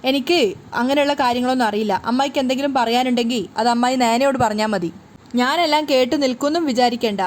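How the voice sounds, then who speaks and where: A sharp-tongued young woman refuses to back down, as a narrator puts her on. The voice is high and curt, with faint hiss behind it. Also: fast talker, close to an everyday voice. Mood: defiant. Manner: defiant, curt.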